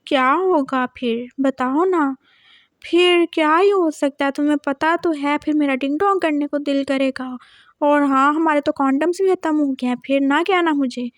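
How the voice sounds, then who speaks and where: A woman's voice: high-pitched, moderate pace, no echo, clean studio sound, natural voice. A woman voicing an affectionate young husband who coaxes and teases his partner. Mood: teasing. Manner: coaxing, teasing.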